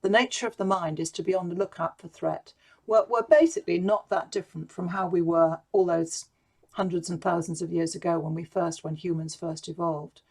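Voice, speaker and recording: A woman leading a mindfulness session over a video call, gently encouraging and speaking directly to participants by name. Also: on the low side, steady tone, brisk. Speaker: mindfulness teacher. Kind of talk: guided mindfulness talk to online conference.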